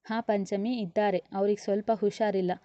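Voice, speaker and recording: A woman voicing a gentle young wife who pleads softly beside her sick husband. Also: medium pitch, flat delivery, moderate pace, dry recording, highs cut off, natural voice. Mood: worried.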